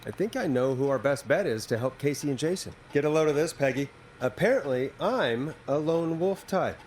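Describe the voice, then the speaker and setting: A man playing a radio host in a video game, guiding callers in a steady, reassuring and directive way. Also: on the high side, moderate pace, slight background noise, natural voice. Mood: wry. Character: calm, earnest male late-night radio host guiding emergency calls. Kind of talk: dramatic video game acting. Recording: clear music behind the voice.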